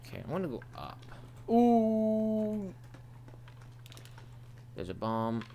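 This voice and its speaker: Scared, sweary horror game streamer, wildly swinging pitch. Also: wildly swooping pitch, slow pace, creaky, mellow, a little hiss or hum. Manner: scared, jumpy reactions to the game; sweary, exasperated muttering and outbursts. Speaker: gaming video creator. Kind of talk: horror game playthrough commentary.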